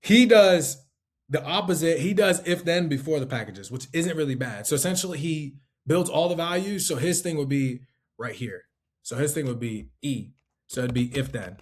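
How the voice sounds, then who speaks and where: A man's voice: medium pitch, expressive, moderate pace. A man teaching life insurance sales in a loose, conversational way, full of fillers and tag questions. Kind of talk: casual instructional talk.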